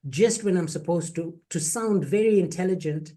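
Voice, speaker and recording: A man's voice: high voice, moderate pace, dark tone. Chatty man hosting a video call. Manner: chatty, jokey, repeats words. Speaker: program faculty host.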